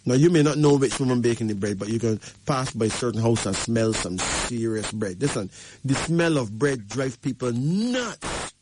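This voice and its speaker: On his show, a man from Barbados speaks at medium pitch and a moderate pace, sounding expressive against a noisy background. As the radio host, he gives an emphatic numerology reading and keeps checking in with his caller, asking "right?" again and again.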